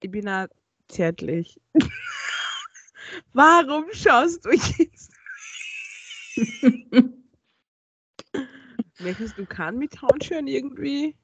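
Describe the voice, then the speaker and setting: A woman's voice: high voice, wildly swooping pitch, extremely slow, pauses often, fairly bright tone, a little hiss or hum. A woman co-hosting a podcast in casual chat, giggly and teasing with flirty jokes. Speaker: podcast co-host.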